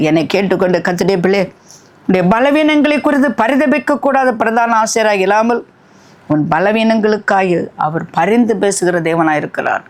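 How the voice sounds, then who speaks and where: A middle-aged woman preaching a sermon with fervent, emphatic peaks, slipping in short English phrases. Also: medium pitch.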